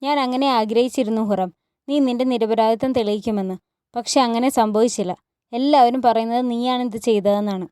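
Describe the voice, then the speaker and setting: A woman's voice: a little high, a little fast, dark tone, smooth, dry recording, clean studio sound, lightly acted. A woman voicing a stern older queen mother. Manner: stern, commanding.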